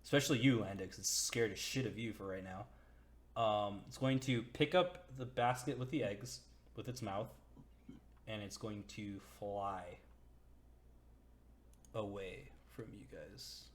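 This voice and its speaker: Low-voiced man running a tabletop game. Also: unhurried, long pauses. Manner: relaxed, chatty, hesitant with fillers and restarts. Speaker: dungeon master. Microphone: home computer mic, voice chat.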